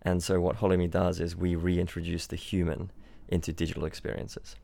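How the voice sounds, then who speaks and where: A young startup founder, born in Switzerland and raised in Australia, chats casually as a podcast guest in London. His deep, gravelly, dark voice is completely flat and brisk, and he often repeats words and restarts sentences in this relaxed interview.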